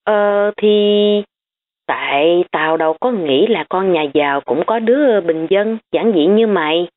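A woman's voice: fairly low pitch, a little slow, lightly acted. A woman voicing a blunt, teasing young female student, on tinny phone-like audio. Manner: frank and teasing.

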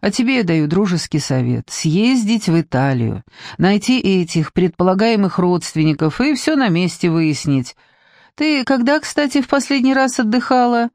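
A reader voices a blunt, breezy woman friend in an audiobook, brisk and teasing. The voice sits at a middle pitch. It is recorded dry and close. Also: big pitch swings, a little mellow, no room sound. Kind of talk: audiobook reading.

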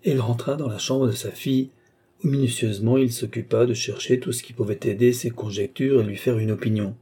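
A man narrating a classic novel as an audiobook in a measured, even storytelling manner. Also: medium pitch, breathy edge. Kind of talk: scripted narration.

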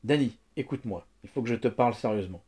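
A man reading the lines of a kindly older man who gently counsels a grieving child in a storybook reading. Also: medium pitch, fast, slightly rough, lightly acted. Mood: earnest. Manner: earnest, soothing counsel.

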